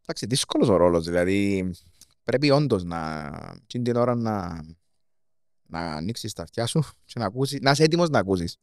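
Man, Cypriot Greek accent, lowish smooth voice, podcast host, halting short phrases, casual. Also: very animated, dry recording, clean studio sound. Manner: halting, builds thoughts in short fragments. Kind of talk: casual interview chat.

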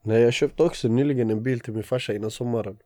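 A twenty-year-old man talks as a guest in a relaxed chat, peppering his speech with slang. His voice sits at a mid male pitch and sounds dry and close. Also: no echo. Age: 20s. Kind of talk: casual chat.

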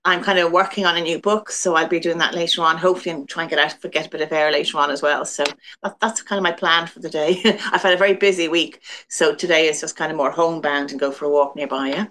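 A woman's voice: low voice, fairly even intonation, fast, a bit bright. A woman from Dublin with an Irish accent, a guest author chatting casually in an interview, rambling through stories and laughing often. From Ireland (Dublin).

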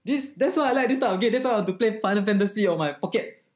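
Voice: mid-range voice, racing, a little mellow. A podcast co-host with a Singaporean accent chatting casually in Singlish, with clipped grammar and sentence-ending particles like lah and ah. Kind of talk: casual bantering chat.

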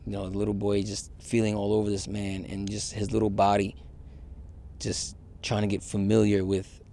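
Low gravelly man talking candidly. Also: mellow, a little hiss or hum. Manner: rambling, heavy use of fillers and profanity. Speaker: vlogger. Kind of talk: candid confessional monologue.

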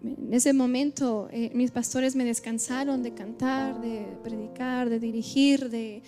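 High-voiced woman giving heartfelt testimony. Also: steady tone, music in the background. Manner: heartfelt, halting, repeats phrases. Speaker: church member giving testimony. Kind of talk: emotional church testimony. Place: church.

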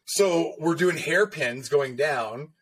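A man co-hosting a casual podcast chat, telling stories in an animated way, swearing freely and laughing often. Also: a little high, slow, slightly rough. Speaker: podcast co-host, tattoo artist.

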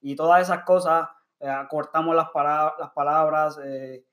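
A man's voice: on the high side, fairly even intonation, normal speed, fairly bright tone. A man with a Puerto Rican accent in a casual podcast chat, explaining his views at length. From Puerto Rico. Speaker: podcast co-host.

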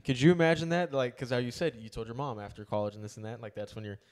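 A man co-hosting a podcast, trading quick jokes in casual chat. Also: mid-range voice, steady tone, darkish tone. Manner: joking, quick banter. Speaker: podcast co-host.

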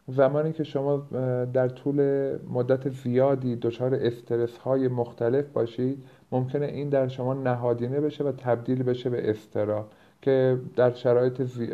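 A mid-pitched man, a productivity coach hosting an informal podcast, explains things step by step with hesitant pauses and filler sounds. The home-edited audio is low-bitrate, dull and lo-fi.

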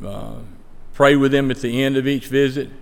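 In a gravelly, medium-pitched voice at a moderate pace, a man reports on a mission trip to his church. His Stokes County, North Carolina accent suits the folksy, earnest, conversational way he talks over slides. The sound has a long hall reverb.

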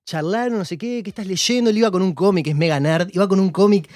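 A man hosting a podcast chat, quick and excitable in his reactions. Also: high-pitched, no echo.

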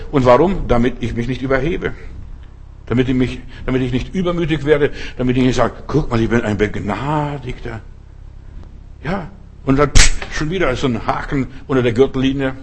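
A man's voice: medium pitch, slight background noise. A middle-aged man preaching a sermon emphatically, repeating phrases, correcting himself mid-word and acting out quotes.

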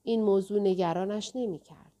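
A woman narrating a novel in a calm, steady reading voice. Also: mid-range voice. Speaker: audiobook narrator. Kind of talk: scripted narration.

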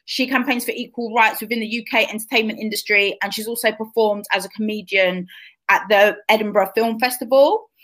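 A woman's voice: medium pitch, fairly even intonation, brisk, a bit bright. A woman in her thirties with a London accent, hosting a casual interview and chatting in an encouraging, friendly way. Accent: London English. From England. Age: 30s. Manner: chatty, encouraging, calls guest hun. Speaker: host.

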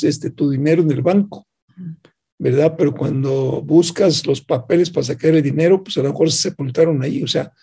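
Man, radio host, dark husky voice, reflective talk, rhetorical questions. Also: fairly high pitch. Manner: retells a news story acting out both sides of the dialogue; asks rhetorical questions of the listener.

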